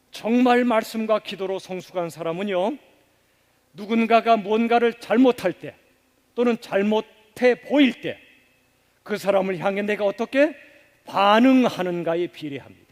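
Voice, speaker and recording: A pastor preaches in a church sanctuary, questioning the congregation and leading them in repeated phrases, with loud stresses that fall away to hushed endings. His voice sits high, and the recording carries the sanctuary's long reverb.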